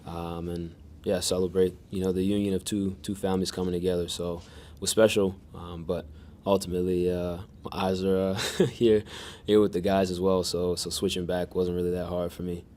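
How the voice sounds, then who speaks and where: A man answering questions at a press conference in a monotone, measured way with many restarts. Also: sits low, a little hiss or hum. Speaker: soccer defender at press conference.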